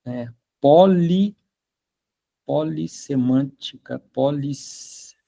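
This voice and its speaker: A university lecturer with a Brazilian Portuguese accent gives an informal class, chatting casually and often asking if students are following, with lots of fillers. His voice sits fairly high and is gravelly yet mellow, and he speaks slowly.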